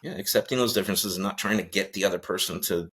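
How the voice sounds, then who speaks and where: A man's voice: low-pitched, fast talker, a bit bright. A man guesting on his wife's podcast, talking bluntly and acting out little everyday scenes. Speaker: podcast guest, host's husband. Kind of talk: candid conversation with his wife.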